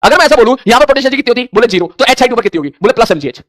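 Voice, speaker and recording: Very high-pitched and animated, this physics teacher talks at great speed in a fairly bright tone, blending Hindi with English terminology. He plays out students' questions as little dialogues during the class lecture, and the recording is dry and studio quality.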